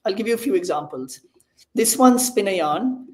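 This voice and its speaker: Guesting on a conversational interview, a startup CEO with an Indian accent explains things casually in a high-pitched voice. He is energetic and quick, sometimes repeating words as he starts a sentence, and his voice carries a roomy echo.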